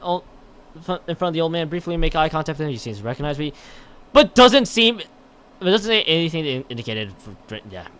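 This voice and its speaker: A man with a slightly high, somewhat bright voice streams himself reading a visual novel and chatting. He often stumbles, repeating and restarting words, and delivers lines with dramatic emphasis.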